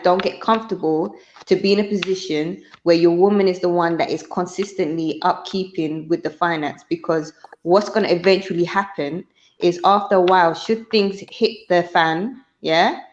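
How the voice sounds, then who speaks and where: Emphatic low-voiced woman in a roomy space. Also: fairly even intonation, normal speed, muffled recording, slight background noise. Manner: emphatic, advisory, repeats points for emphasis. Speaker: panellist giving relationship advice. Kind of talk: casual discussion.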